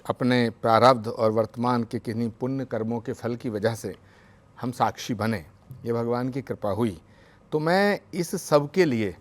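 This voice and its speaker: A man who is a spiritual leader speaking on a televised news debate, formal and devotional, earnest and emphatic. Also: medium pitch.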